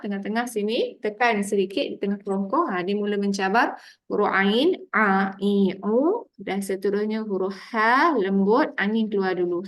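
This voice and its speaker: Malaysian woman teaching letter sounds patiently. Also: medium pitch. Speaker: Quran recitation teacher. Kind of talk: tajwid pronunciation lesson.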